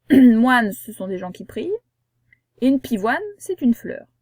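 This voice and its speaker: A fairly high woman's voice, recorded close and dry in a quiet room. She is a patient schoolteacher walking young children through a reading lesson, slowly spelling out letters and sounds. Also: lively intonation, dry recording. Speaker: primary school teacher.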